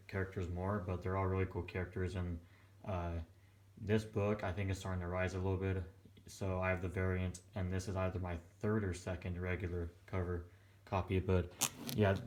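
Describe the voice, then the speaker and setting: A young man giving casual vlog narration in a quiet but clear, subdued voice, hesitant and a little tired. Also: sits low. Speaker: comic collector presenting his purchases. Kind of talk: casual vlog narration over close-up shots of items. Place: small indoor room at home.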